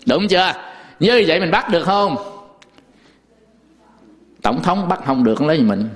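A man's voice: fairly high pitch, very animated, moderate pace, in a large hall. Folksy male preacher. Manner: folksy, rhetorical questions, storytelling. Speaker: Buddhist monk teacher. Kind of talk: dharma talk.

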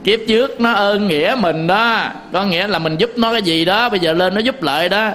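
Here a man's voice sits high, brisk and fairly bright, as a Buddhist monk teacher preaches in a Southern Vietnamese accent. His style is folksy storytelling: he chuckles a lot and speaks directly to those listening.

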